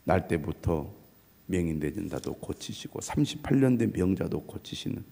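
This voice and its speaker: Middle-aged male pastor, measured sermon delivery, low gravelly voice. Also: expressive, dark tone. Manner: measured preaching, quotes scripture aloud. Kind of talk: early morning sermon.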